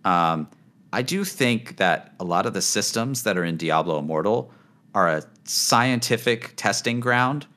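A man hosting a casual gaming chat, rambling with lots of fillers and trailing off quietly at the ends of thoughts. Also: on the low side, expressive, measured pace. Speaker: gaming channel host.

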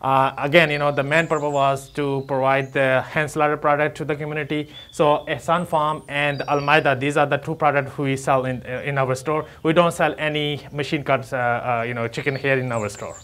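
A man's voice: fairly high pitch, flat delivery, normal speed, few pauses, fairly bright tone. A man speaking through a face mask, giving a hesitant, filler-heavy walkthrough of his grocery store. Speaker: store owner giving a tour. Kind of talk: casual walkthrough tour.

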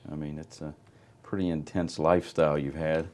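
A man's voice: rumbling low, flat delivery, brisk, a little mellow. A man hosting an interview, who asks questions and keeps up encouraging backchannels. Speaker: host. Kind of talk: interview host.

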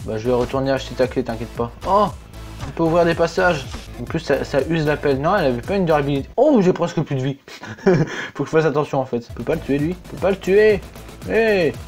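A young man doing let's play commentary, excitable, yelping and swearing at the game as he plays. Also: a little high, fast talker. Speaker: gaming YouTuber. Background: game music.

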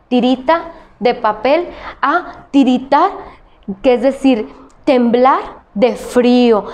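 Woman teacher, high-pitched, unhurried, patient and repetitive. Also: darkish tone. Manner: slow, patient, repeats key words. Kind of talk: classroom lesson to children.

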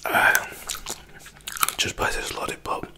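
A young man whispering ASMR in an unvoiced, breathy whisper, counting with lollipop mouth sounds between the words. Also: slow pace. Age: young adult. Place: small living room, indoors.

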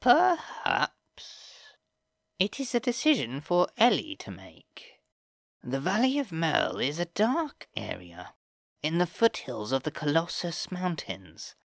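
A man doing a slow, stately elder woman. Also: on the high side, huge pitch swings, creaky, fairly bright tone, no echo, pitched above the performer's own voice, heavily acted. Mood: measured. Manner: slow, measured, formal. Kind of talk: audiobook character voice.

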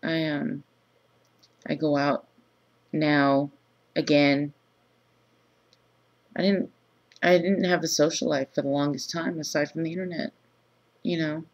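A woman in her thirties who has just woken up, talking groggily and haltingly in a low-key, casual, confessional vlog. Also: fairly even intonation. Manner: halting, pausing often mid-thought. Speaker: vlogger. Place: small room indoors. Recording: dull lo-fi webcam sound.

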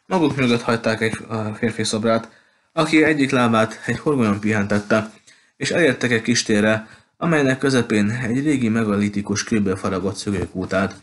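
A man reading a novel aloud at a steady pace, with occasional slips and restarts. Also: fairly low pitch, a little hiss or hum. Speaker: audiobook reader.

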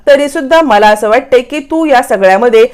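A woman's voice: a little high, animated, fairly quick, darkish tone, clean tone, close to an everyday voice. A woman reading an anxious, caring mother. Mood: worried. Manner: anxious, questioning. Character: worried caring mother on the phone.

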